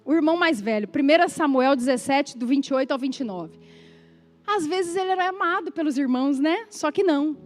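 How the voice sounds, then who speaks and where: Brazilian woman pastor, high voice, chatty animated sermon delivery. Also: fairly quick, faint music behind. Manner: animated, conversational preaching with asides and laughter. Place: church.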